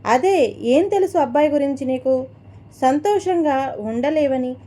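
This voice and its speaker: In this audio storybook, a proud, furious middle-aged mother shouts down her daughter, as a woman narrator puts her on. The voice is high and mellow, and the scolding comes hard and fast. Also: animated. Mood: angry scolding.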